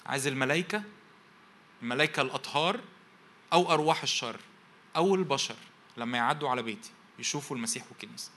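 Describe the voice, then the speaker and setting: A man's voice: mid-range voice, rapid-fire, long pauses, bright, forceful tone, slight background noise. A man preaching a sermon as pastor, with an Egyptian accent. He stacks phrases in repeated lists and prompts his congregation with rhetorical questions to finish each verse. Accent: Egyptian Arabic.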